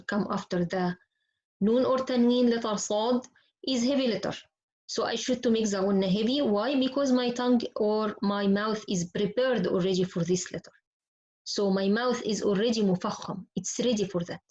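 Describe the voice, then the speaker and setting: Dull, lo-fi class audio captures an Arabic-accented woman, a native Arabic speaker, giving an explanatory lesson on recitation rules with recited examples. Her voice is medium-pitched and a little mellow. She works through it step by step, repeating herself and asking questions that she answers.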